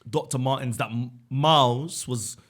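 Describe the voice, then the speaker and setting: A man's voice: medium pitch, fairly bright tone. A young man, boasting and joking in casual banter on a podcast. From Islington, London. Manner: boastful, joking, quick to laugh. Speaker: podcast guest, comedian.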